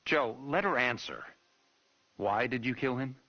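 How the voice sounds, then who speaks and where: An actor playing a stern, skeptical American police chief who speaks bluntly and officially in a taped game interview. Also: male voice, mid-range voice, unhurried. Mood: skeptical, impatient. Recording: dull, muffled old tape recording.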